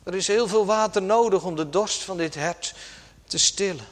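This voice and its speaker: A man preaching a sermon slowly and dramatically, dropping suddenly to a hush at times. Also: high-pitched. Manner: slow, dramatic preaching with sudden soft drops. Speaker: pastor. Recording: long church reverb.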